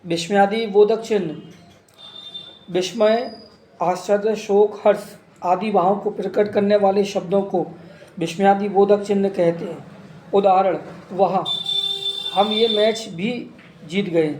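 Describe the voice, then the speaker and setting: A man's voice: sits high, fairly even intonation, a little slow, long pauses, a little mellow, a little hiss or hum. A man teaching an exam-prep grammar lesson, listing terms and examples one by one. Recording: echoey room with faint ambience.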